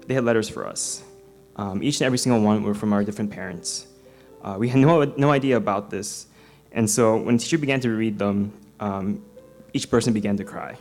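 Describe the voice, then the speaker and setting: Speaking at a church service, this young Singaporean man in his twenties shares his prepared baptism testimony. His lowish, slightly mellow voice comes across as earnest, sprinkled with ums and uhs.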